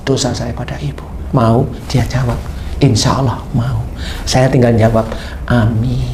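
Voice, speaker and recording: A man preaching a slight touch, telling a story in a lively way. His voice is mid-pitched, and he acts out both sides of a conversation. Faint room noise sits behind him. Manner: animated, acts out dialogue with a patient. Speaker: Islamic preacher. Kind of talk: sermon storytelling.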